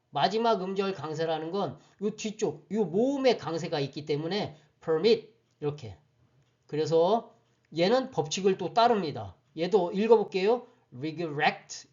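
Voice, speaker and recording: A teacher walks through grammar rules in an online lecture, patient and methodical. The voice sits at an ordinary middle pitch and keeps pausing to ask whether listeners understand. The recording sounds a little dull and lo-fi. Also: darkish tone. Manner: patient, explanatory, often checks understanding with questions.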